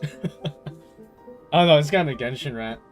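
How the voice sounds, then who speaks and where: This man's voice is a little high and moderately paced, set against background music. He's streaming a game and chatting casually, rambling through his commentary in stop-start, slangy talk that includes some swearing.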